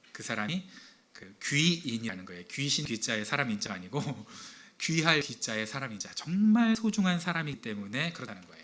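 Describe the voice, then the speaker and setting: A man's voice: medium pitch, sharp tone. A man preaching a sermon to a congregation, playful and teasing, asking questions and cracking jokes. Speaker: pastor. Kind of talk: humorous sermon with audience interaction. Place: church sanctuary.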